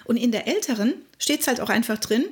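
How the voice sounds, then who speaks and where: A woman presenting fairy tales in casual, conversational commentary, animated and quoting characters in voices. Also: a little high, fairly quick.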